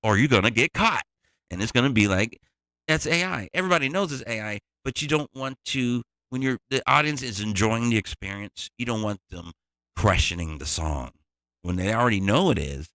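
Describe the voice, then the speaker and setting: A man's voice: lowish voice, creaky, sharp tone, dry recording. A man who produces music, talking casually through a tutorial, rambling and restarting his sentences.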